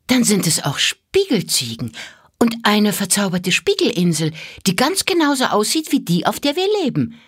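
A woman voicing a curious, excitable little girl who asks eager questions. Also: fairly high pitch, moderate pace, husky, no room sound, clean studio sound, voice pushed up. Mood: excited.

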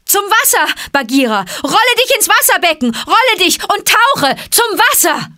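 A woman's voice: extremely high pitch, sing-song, normal speed, sharp tone, voice pushed up, full character voice. A woman voicing a brave young boy raised in the jungle, calling out urgently.

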